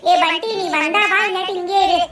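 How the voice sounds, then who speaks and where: A woman's voice: very high voice, fairly even intonation, fairly quick, a bit bright, reverberant, far from the mic, slight background noise. A woman voicing bossy, scolding young girls in a cartoon, talking in a telling-off, know-it-all way. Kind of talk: cartoon dubbing.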